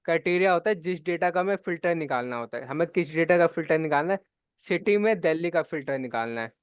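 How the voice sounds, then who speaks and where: A man's voice: a little high, lively intonation, fast, clean tone, no echo, clean studio sound. A man teaching a live spreadsheet class, explaining steps patiently and checking in often. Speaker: computer class instructor. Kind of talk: live online spreadsheet lesson.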